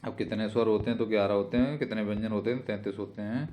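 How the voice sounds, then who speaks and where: A man's voice: fairly low pitch, fairly even intonation, fast, noisy background. A male teacher giving an exam-prep spelling lesson, repeating each word and checking in with "theek hai".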